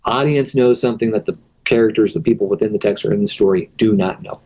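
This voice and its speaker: Man teaching, voice going hoarse. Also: lowish voice, fast talker, a little mellow, rough recording. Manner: casual explanatory, asides and rhetorical questions. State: losing his voice. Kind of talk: recorded video lesson.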